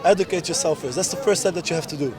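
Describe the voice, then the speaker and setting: Young man in his twenties, emphatic street interview, slightly high voice, crowd noise around him. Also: racing. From Netherlands. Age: 20s. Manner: earnest, emphatic, speaks in short insistent phrases. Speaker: protester interviewed at a rally. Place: outdoor street protest in a city. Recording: outdoor street recording with loud crowd. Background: crowd of protesters.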